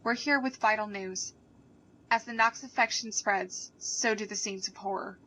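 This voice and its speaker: An actress voicing a female radio news anchor reading emergency bulletins in a measured newsreader style. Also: medium pitch, low-quality recording. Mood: grave. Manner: measured newsreader delivery, softening into gentle pleas. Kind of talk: scripted news broadcast in a game.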